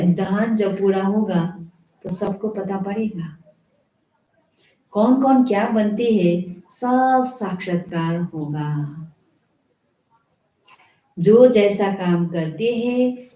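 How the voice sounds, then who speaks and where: A woman's voice: fairly low pitch, warm tone, reverberant, rough recording. A woman spiritual teacher reading and explaining a devotional discourse, preaching with rhetorical questions. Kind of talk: devotional murli reading with commentary.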